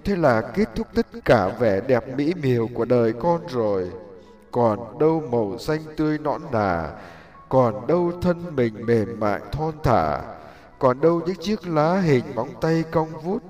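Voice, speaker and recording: A man's voice: medium pitch, very animated, unhurried, darkish tone, soft background music. A man voicing a young bamboo in a storybook parable, pleading in fear and then yielding humbly. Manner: pleading, tearful.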